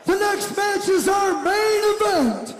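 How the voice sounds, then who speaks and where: A man making formal, drawn-out wrestling ring announcements. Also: very high voice, animated. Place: large indoor venue. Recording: long arena echo, crowd behind. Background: crowd and faint music.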